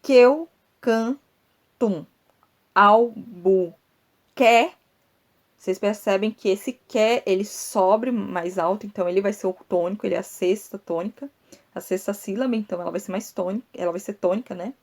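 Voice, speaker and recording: A woman's voice: medium pitch, steady tone, mellow. A woman host teaching a podcast lesson on poetry. She explains step by step, drawing out sounds and syllables and turning to listeners with little asides. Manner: explanatory, addresses listeners directly with asides like "tá, gente?"; spells out rhymes and syllables slowly.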